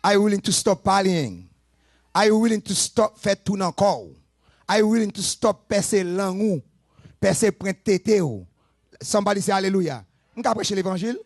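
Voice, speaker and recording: A man preaching, his voice high and husky. He moves from quiet explanation to shouted, sing-song exhortation. The sound is dry and close, with little room echo. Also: normal speed. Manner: switches between soft talk and shouted, sing-song preaching. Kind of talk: sermon.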